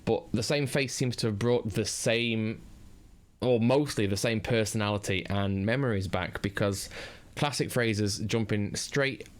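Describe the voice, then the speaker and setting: A man's voice: on the low side, unhurried. A man with a Northern English accent giving a casual, rambling spoken TV review, full of fillers and restarts. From Northern England.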